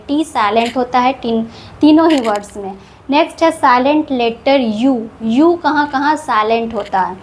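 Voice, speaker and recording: A woman teaching English reading rules, explaining each one patiently and repeating the example words. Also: sits high. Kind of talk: slow step-by-step lesson.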